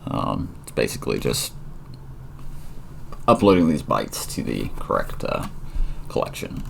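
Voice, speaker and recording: Very deep gravelly man, tired tutorial. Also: sing-song, unhurried, a little hiss or hum. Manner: rambling, thinks aloud with many fillers and self-corrections. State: tired and yawning. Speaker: tutorial presenter. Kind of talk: casual screen-recorded coding tutorial.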